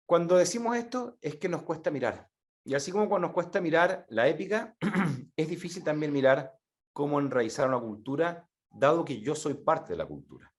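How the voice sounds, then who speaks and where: Chilean man, middle-aged, talk to an audience, animated, fairly high voice. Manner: animated, repeats words for emphasis. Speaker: speaker presenting a methodology.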